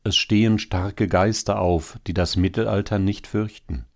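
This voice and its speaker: A consoling male hare, wry and gloomy, speaking with low, deep calm, as a man reads him. His dark, mellow voice soothes while his words carry quiet bitterness, a storybook animal in a sober tale. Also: measured pace, creaky. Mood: somber. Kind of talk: storybook reading.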